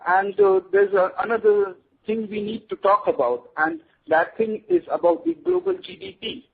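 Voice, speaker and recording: A man's voice: sits high, animated, moderate pace, gravelly, husky. A man speaking as a guest on a radio show, lecturing emphatically. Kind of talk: radio interview. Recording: tinny phone line.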